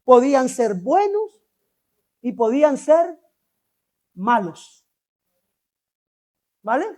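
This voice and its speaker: A man preaching a sermon as pastor, animated and asking the congregation questions. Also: extremely high pitch, drawn-out words.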